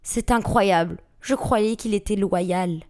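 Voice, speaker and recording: A woman voicing a brave teenage boy wizard in an audiobook, shouting his spells loudly. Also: mid-range voice, slow, natural voice. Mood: shocked. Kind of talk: audiobook character voice.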